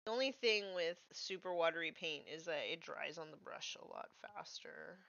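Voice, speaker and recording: A woman streams while painting miniatures, chatting casually and thinking aloud as she works. Her deep, gravelly voice is expressive, a bit bright and at normal speed, though a cold makes her a little nasal. The stream audio has no echo but is dull and slightly lo-fi.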